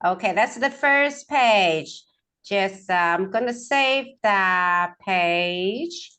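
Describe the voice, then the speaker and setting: Cheerful woman on a call, slow-paced, lively high voice. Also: clear, resonant tone. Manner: cheerful, coaxing. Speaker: event photographer. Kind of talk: counting down for group photos. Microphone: video call.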